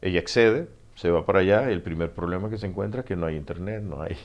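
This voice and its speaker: A man's voice: low-pitched, fast talker, lo-fi sound. A middle-aged man with a Panamanian Spanish accent, an author telling stories in a casual interview and acting out the dialogue. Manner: animated storyteller, acts out dialogue, laughs often. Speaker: author guest.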